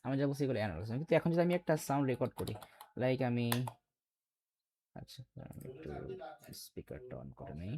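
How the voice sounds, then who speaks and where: A man's voice: mid-range voice, very animated, fast talker, pauses often, a crowd in the background. A man teaching a computer class, explaining step by step and quizzing his students with questions. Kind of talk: classroom lecture.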